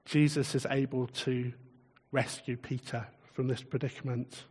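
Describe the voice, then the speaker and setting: A man preaching a sermon in a relaxed, conversational way, chuckling often and putting questions to his listeners. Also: medium pitch, a little slow, slightly rough, in a large hall.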